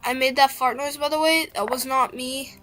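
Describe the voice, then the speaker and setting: High-voiced playful girl streamer. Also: steady tone, normal speed, pushed and bright. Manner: playful, makes silly "bop bop" noises while playing. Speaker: game streamer. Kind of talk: casual live-stream chatter. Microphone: built-in device mic, no headset mic.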